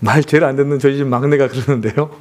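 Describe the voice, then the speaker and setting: A pastor preaches in a church sanctuary, speaking at a racing pace in a darkish voice with fairly even intonation. Earnest, he acts out family scenes with sweeping pitch swings to make his points.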